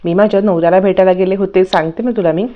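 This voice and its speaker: A woman's voice: medium pitch, fairly even intonation, very fast, highs cut off, close to an everyday voice. A woman voicing a defensive young bride-to-be who answers snappishly, in a TV serial recap.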